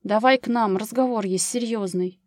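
A woman's voice: mid-range voice, a little mellow, dry recording, clean studio sound, natural voice. A woman voicing tense, agitated Anzhela. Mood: anxious. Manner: tense, agitated, quick to flare up. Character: anxious, overworked young woman at her wits' end.

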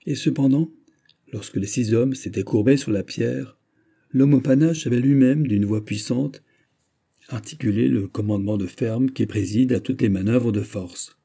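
Brief: man narrating a classic novel, dark and husky, low and steady. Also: normal speed. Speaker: audiobook narrator.

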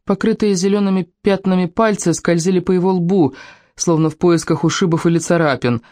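An audiobook narrator reading a fantasy story in a steady, measured way. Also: medium pitch, dry recording, clean studio sound.

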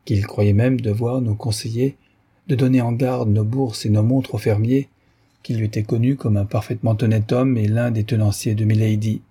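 A man reading a classic novel aloud in measured, literary narration. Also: fairly low pitch, mellow, husky. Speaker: audiobook reader. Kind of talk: scripted narration.

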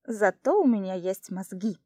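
A woman voicing an excitable, cheeky young female spirit who talks playfully and with great self-assurance. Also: mid-range voice, normal speed, no room sound, studio quality, natural voice. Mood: gleeful.

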